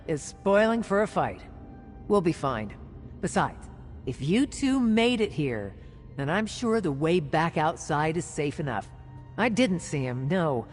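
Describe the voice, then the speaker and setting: An actress playing a wounded woman fighter who talks in a steady, reassuring way, in a video game. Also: lowish voice, big-room sound. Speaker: game character.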